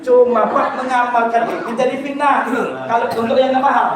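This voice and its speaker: A man's voice: extremely high pitch, flat delivery, fairly quick, crowd noise. A male preacher with a Palembang Malay accent, giving a joking, demonstrative dawn sermon in a mosque and chuckling between his points. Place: mosque hall. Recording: very echoey mosque hall, mic far off.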